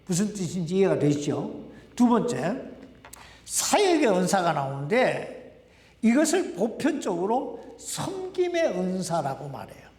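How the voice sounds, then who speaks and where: A man preaches in a lively, high-pitched voice that swings widely as he questions his listeners. His delivery is slow and deliberate. The sound carries the long reverb of a church sanctuary, heard from some distance. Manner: conversational preaching, asks the congregation questions. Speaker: pastor. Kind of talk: sermon. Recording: echoey hall, voice from a distance.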